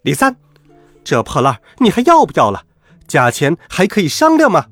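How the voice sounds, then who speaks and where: Man doing a sharp-tongued quarrelsome woman. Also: wildly swooping pitch, soft background music, heavily acted. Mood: angry. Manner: fast, shrill scolding.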